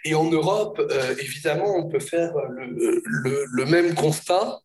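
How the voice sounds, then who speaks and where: A man with a hoarse, broken, gravelly voice introducing a public conference in a halting, hesitant way. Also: on the high side, darkish tone. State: hoarse, voice cracking. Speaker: institute director introducing speakers.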